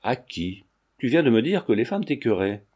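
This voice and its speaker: A man's voice: medium pitch, sing-song, normal speed, darkish tone, breathy edge. A man reading a novel aloud, voicing a mocking, skeptical young Parisian man who teases his friend with irony. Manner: teasing, ironic.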